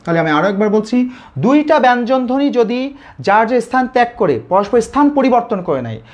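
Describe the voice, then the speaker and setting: With an extremely high pitch and a very animated, slightly fast delivery, a man with a Bangladeshi Bengali accent teaches grammar live online. He asks questions only to answer them himself, and the lo-fi audio comes across slightly dull.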